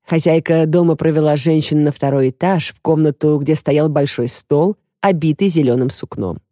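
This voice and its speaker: A woman narrating an audiobook at a measured, even pace. Her voice is low and dark, recorded dry on a close mic. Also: no echo.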